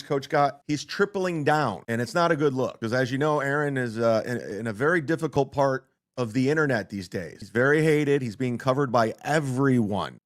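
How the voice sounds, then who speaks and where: A man hosting a podcast, ranting in a heated, profane and mocking way. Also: mid-range voice. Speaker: podcast host. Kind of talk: casual ranting monologue.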